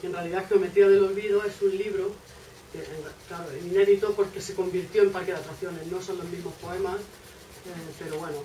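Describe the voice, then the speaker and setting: A woman's voice: lowish voice, level tone, brisk, hardly any pauses, warm tone. A woman from Spain in her thirties, a poet speaking casually on a panel, hesitant and full of fillers. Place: small bookshop café, indoors. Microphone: far camera. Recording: roomy, distant, noisy room.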